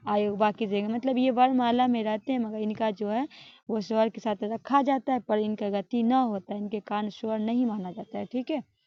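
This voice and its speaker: A woman teaching an exam-prep grammar lesson, explaining step by step, asking questions and answering them herself. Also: fairly high pitch. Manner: ends points with a checking "all right?". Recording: dull, lo-fi sound.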